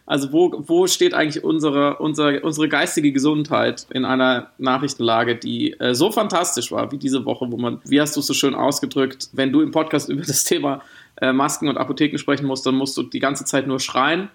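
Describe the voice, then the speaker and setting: A man's voice: mid-range voice, steady tone, fairly quick, vocal fry. A man co-hosting a casual podcast conversation, thoughtful and wordy, often restarting his sentences. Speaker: podcast co-host.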